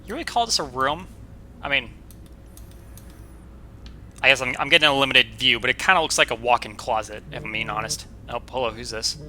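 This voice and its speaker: A man hosting a casual let's-play, chatty and joking as he reacts out loud. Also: mid-range voice, animated, fairly quick, pauses often, slight background noise. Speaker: gaming video host.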